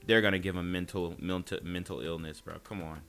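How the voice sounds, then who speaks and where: A man's voice: sits low, fairly even intonation, a little fast, crowd noise. A man hosting a casual opinion commentary, talking bluntly and emphatically in slang into a close mic. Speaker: commentary channel host.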